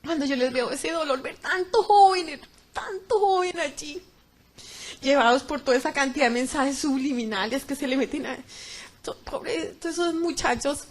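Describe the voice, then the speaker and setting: A middle-aged woman with a Colombian accent gives a religious testimony to a congregation. She tells it dramatically, swinging between loud cries and hushed tones. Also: sits high, fairly quick. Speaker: testimony speaker.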